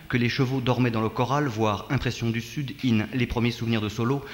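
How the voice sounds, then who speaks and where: A man performs a poetry reading in a rhythmic, hammering way, repeating words and swinging from near-murmur to sudden loud bursts. His voice sits at an ordinary pitch for a man. A long reverb trails each phrase, as in a live reading in a resonant hall. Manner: rhythmic, repetitive declamation with sudden shifts in loudness. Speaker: poet reading his own text. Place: poetry centre reading room.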